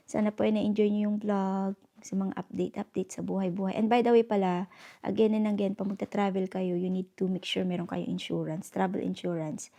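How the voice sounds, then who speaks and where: A young woman vlogger talks casually to her viewers, rambling through a story with plenty of fillers and English phrases mixed in. Her voice is soft and mellow at a middling pitch. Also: vocal fry. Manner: chatty storytelling with many fillers and English code-switching. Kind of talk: casual vlog chat.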